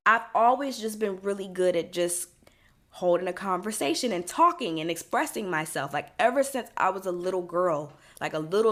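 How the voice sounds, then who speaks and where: A woman's voice: medium pitch, fairly bright tone. A young adult woman hosting her own podcast, talking things through in a casual, reflective way with lots of fillers and restarts. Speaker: podcast host. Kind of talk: casual solo podcast monologue.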